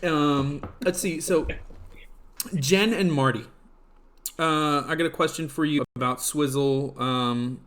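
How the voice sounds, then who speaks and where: A man's voice: on the high side, slow pace, fairly bright tone. A man hosting a casual live stream, rambling and filling gaps with ums and uhs. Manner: rambling, heavy on fillers and restarts. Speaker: livestream host.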